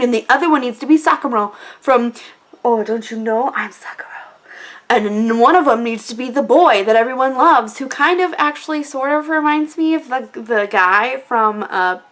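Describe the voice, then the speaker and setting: A woman's voice: sits high, moderate pace, fairly bright tone. A woman giving a casual comedic review in a tipsy, rambling way, dramatically acting out reactions as she goes. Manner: dramatic, acts out imagined reactions. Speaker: anime reviewer.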